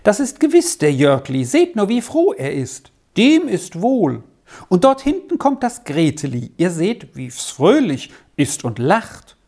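A woman voicing a gentle, earnest young boy in a storybook reading, speaking softly and reassuringly. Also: lowish voice, very animated, a little slow, full character voice.

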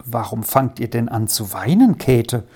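A woman voicing a generous, firm middle-aged farmer's wife who talks in a brisk, kindly way in a read-aloud storybook. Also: rumbling low, animated, dark tone, husky, exaggerated voice.

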